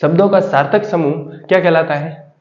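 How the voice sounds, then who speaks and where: A man teaching a grammar lesson, who asks each point as a question and then answers it, often dropping low and soft for the answer. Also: normal speed. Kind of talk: classroom lesson. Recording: echoey room, dull lo-fi sound.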